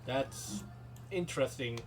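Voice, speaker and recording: A man's voice: mid-range voice, expressive, slow pace. A man from continental Europe, a native Dutch speaker, casually commenting on a game for his chat in a dry, self-mocking way. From Europe, not the British Isles. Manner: dry, self-mocking, talks to chat while reading game text aloud. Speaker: streamer. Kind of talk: live game stream commentary. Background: game music.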